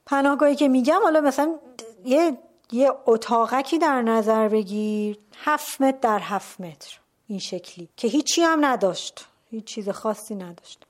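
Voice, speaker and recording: Woman, casual storytelling, fairly high voice, animated, slips into whispers, restarts mid-word. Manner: animated, drops to a hushed whisper at tense moments. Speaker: storyteller recounting a climb.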